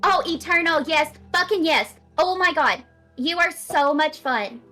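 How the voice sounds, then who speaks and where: High-pitched woman stream co-host, excitable and profane, casual chat. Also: measured pace, faint music behind.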